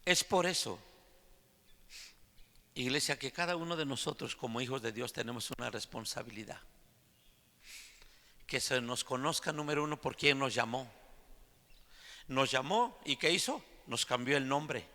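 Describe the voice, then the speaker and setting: A man's voice: mid-range voice, animated, normal speed, pauses often, long reverb tail. A man preaching an emphatic sermon to his congregation in a church. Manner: emphatic preaching, often loud and climbing. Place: church sanctuary.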